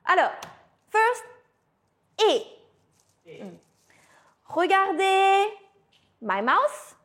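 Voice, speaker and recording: Lady teaching basics, super slow and singsongy, playful. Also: very high voice, big pitch swings, fairly bright tone. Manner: slow, exaggerated pronunciation with playful asides. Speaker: French teacher. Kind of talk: language lesson mixing French and English.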